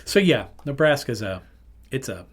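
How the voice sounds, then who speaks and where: A man's voice: medium pitch, big pitch swings, moderate pace. A middle-aged man hosting a podcast, telling a rambling, self-interrupting road-trip story in casual chat. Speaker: podcast host.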